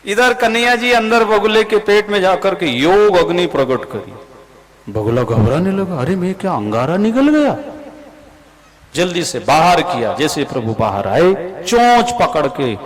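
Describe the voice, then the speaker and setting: Animated man narrating a devotional sermon. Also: high voice, unhurried, crowd noise. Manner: animated storyteller, acts out the characters' lines; asks the audience questions directly. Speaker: Bhagavat katha preacher. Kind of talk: devotional scripture storytelling sermon. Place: religious gathering before a live audience.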